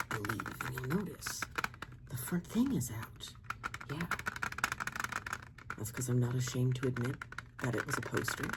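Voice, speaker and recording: A person giving a soft-spoken, casual ASMR show-and-tell, rambling and swearing freely, often slipping into a whisper. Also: medium pitch. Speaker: ASMR video creator. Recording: lo-fi, loud noise, clicking and tapping. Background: tapping, scratching and clicks.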